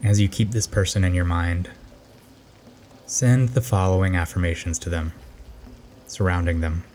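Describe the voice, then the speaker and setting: With a deep voice and fairly even intonation, a man narrates a guided meditation, instructing gently and unhurriedly as his phrases fall softly at their ends. A little hiss or hum is audible.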